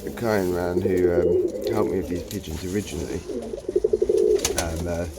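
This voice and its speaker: A man's voice: low-pitched, fairly even intonation, moderate pace, gravelly, very noisy. A man keeping pigeons, chatting on a casual vlog and coaxing his birds in a raised, fond voice, with hesitant fillers. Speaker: pigeon keeper. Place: pigeon aviary. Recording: loud birds cooing behind. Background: pigeons cooing.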